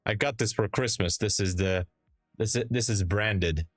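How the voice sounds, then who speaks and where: A man's voice: fairly low pitch, moderate pace, no room sound, clean studio sound, soft background music. A young Hungarian man with a Hungarian accent, streaming live trades and chatting casually with viewers, laughing often and restarting his sentences as he reads the chat. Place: home trading room. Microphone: headset.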